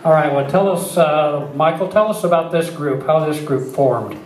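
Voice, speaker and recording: A man's voice: on the high side, moderate pace, reverberant, poor audio. A man hosting a radio interview, asking short questions with fillers. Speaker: radio show host.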